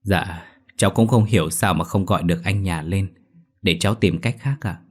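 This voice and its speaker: A man voicing a calm young male exorcist who speaks gently and chants solemnly in a ghost story. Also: low voice, normal speed. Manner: gentle, then solemn incantations.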